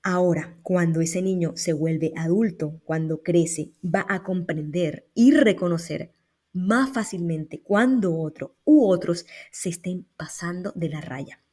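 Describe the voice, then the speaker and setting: A woman hosts a solo podcast about raising kids, speaking to the listener like a friend. Her voice sits on the low side and has a husky, breathy grain. She keeps the talk animated and tosses in frequent little tag questions. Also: measured pace. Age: adult, raising young children. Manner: lively, conversational, peppered with tag questions. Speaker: podcast host and mother.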